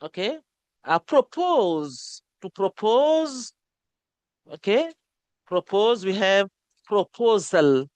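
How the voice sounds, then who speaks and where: A woman teaching an English grammar lesson, who repeats each word slowly and keeps saying okay. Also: medium pitch, dry recording.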